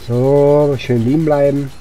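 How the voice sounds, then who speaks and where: His voice worn weak by coughing, a gaming video host mutters short casual remarks while game music plays. He speaks slowly and flatly, with a fairly high pitch and a dark tone.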